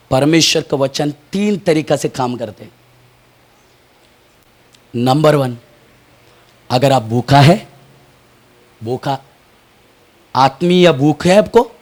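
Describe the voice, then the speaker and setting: A man preaching a fervent sermon as pastor, moving between shouted peaks and hushed asides, often asking questions and answering them himself. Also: mid-range voice. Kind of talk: impassioned Hindi sermon.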